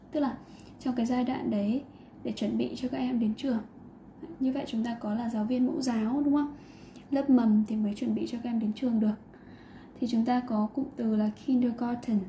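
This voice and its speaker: A woman's voice: fairly high pitch, mellow, slight background noise. A woman teacher explaining an English lesson, patiently mixing English words into her talk.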